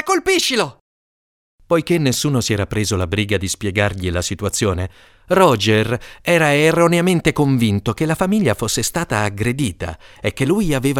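A man narrating an audiobook in an expressive, lively storytelling manner. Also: on the low side, no room sound, studio quality.

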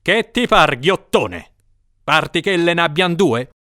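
Man doing a stern nobleman, indignant, loud and raised, dry close sound. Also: high voice, sing-song, normal speed, no echo, pitched above the performer's own voice. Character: angry, proud nobleman, a man of middle age.

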